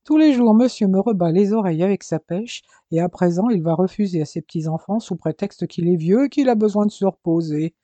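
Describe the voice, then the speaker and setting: A man voicing a high, scolding old grandmother. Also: normal speed, dark tone, no echo, natural voice. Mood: teasing scold. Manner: mocking, scolding. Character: elderly woman, grandmother, teasing and bossy.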